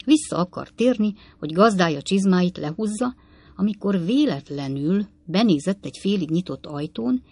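A woman narrating a classic novel as an audiobook in a measured, expressive storytelling manner, with a husky voice. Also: lowish voice, no room sound.

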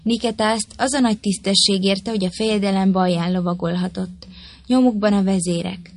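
A woman reading a historical tale aloud in a steady, even storytelling manner. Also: mid-range voice, no echo. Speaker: narrator.

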